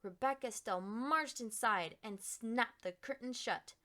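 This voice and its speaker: Reading a children's picture book out loud, this woman has a fairly high voice. She tells the story expressively, leaning on words with dramatic, deliberate stress.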